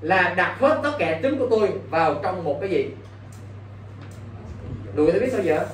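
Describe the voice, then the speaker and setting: A man's voice: high-pitched, lively intonation, normal speed. Quizzing male teacher. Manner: quizzing, keeps asking "got it?". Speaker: English teacher. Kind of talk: exam-prep lesson. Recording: roomy, distant mic, faint background noise.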